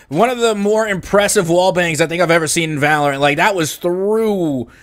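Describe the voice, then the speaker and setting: A man co-casting an esports match, energetic and quick to hype big plays. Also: sits high. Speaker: esports co-caster. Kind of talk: play-by-play commentary.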